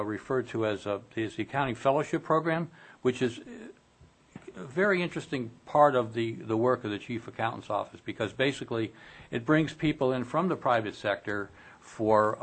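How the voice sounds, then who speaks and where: A man giving an oral history interview, explaining things in a measured way. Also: mid-range voice. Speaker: interview guest.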